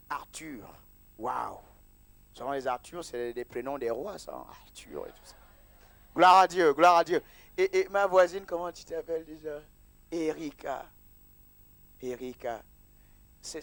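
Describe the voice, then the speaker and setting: A man's voice: fairly high pitch, dry recording. A man preaching as pastor at a church service, casual and teasing, mixing sermon with banter with the congregation.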